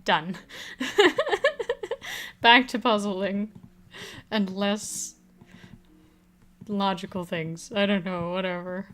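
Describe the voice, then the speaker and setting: A woman's voice: mid-range voice, expressive, extremely slow, long pauses, fairly bright tone, faint music behind. A woman, a streamer in casual live-stream chat, loose and profane, muttering at puzzle pieces.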